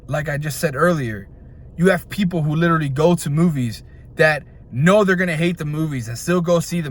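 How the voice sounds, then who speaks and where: Young male host, heated rant, slightly high voice, restless and jumping between points. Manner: frustrated, animated, jumps between points. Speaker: video host. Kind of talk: ranting opinion video.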